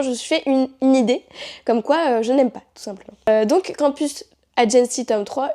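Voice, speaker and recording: A woman's voice: on the high side, warm tone. A young woman talking casually to the camera about the books she plans to read, chatty and playful, often correcting herself mid-sentence. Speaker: book vlogger.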